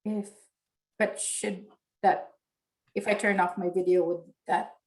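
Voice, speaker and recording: A woman giving a halting webinar presentation over a video call, her audio choppy and breaking up. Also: mid-range voice, fairly even intonation, poor audio. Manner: halting, with many fillers and restarts. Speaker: presenter from an animal shelter agency.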